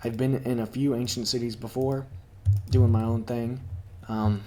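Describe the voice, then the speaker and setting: Playing a video game at home, a man chats casually, pokes fun at his own abilities, and speaks to his cat, as a gaming YouTuber would. His medium-pitched, dark voice has little pitch movement and a normal speed.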